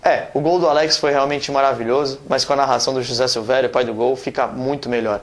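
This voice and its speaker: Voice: mid-range voice, fairly even intonation, fast. A Brazilian presenter delivering scripted links for a radio report programme.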